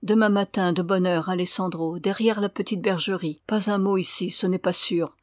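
A woman's voice: lowish voice, fairly even intonation, moderate pace, no echo, clean studio sound, close to an everyday voice. A woman reading the lines of a cautious, secretive young man in an audiobook.

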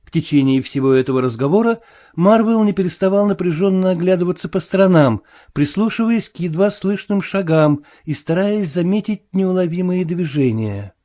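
A man narrating an audiobook in an animated, dramatic manner. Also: high-pitched, normal speed.

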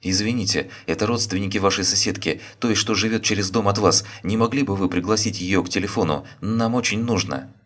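A man's voice: fairly low pitch, brisk, a bit bright, voice pushed up. A man voicing an anxious young wife and mother who pleads urgently on the phone. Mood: pleading.

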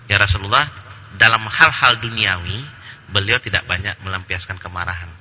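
A man preaching in a lively religious lecture, answering questions with a humorous, colloquial manner and acting out anecdotes. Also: fairly low pitch, moderate pace, a little hiss or hum. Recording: long hall reverb.

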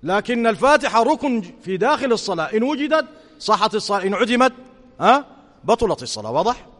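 A man with a high voice teaches a religious lesson in a reverberant hall. He explains each point step by step and keeps asking his students whether they have understood. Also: big pitch swings, fast, fairly bright tone. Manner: questioning students, checking understanding. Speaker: sheikh teaching a class.

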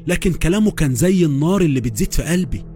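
Fast Egyptian man narrating horror. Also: on the high side, lively intonation, dark tone. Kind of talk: first-person horror narration. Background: faint music.

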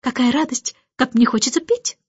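A woman voicing an excitable, boastful male starling with a creaky, shrill voice in an audiobook. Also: moderate pace, no echo. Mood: overjoyed. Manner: gushing, loud, boastful. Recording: dull lo-fi audiobook, faint music.

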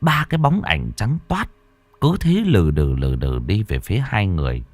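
A man's voice: low voice, very animated, normal speed. A man narrating a ghost story dramatically, switching into many character voices.

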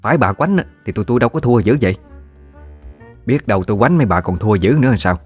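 A man's voice: fairly low pitch, animated, fast, a little mellow, faint music behind. A man voicing an irritable middle-aged woman, snapping back and scolding.

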